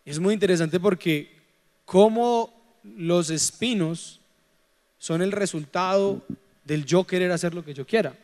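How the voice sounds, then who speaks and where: Animated high-voiced preacher in a reverberant hall. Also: male voice, unhurried. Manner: animated, asks teasing rhetorical questions. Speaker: preacher leading a youth forum. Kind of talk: conversational preaching.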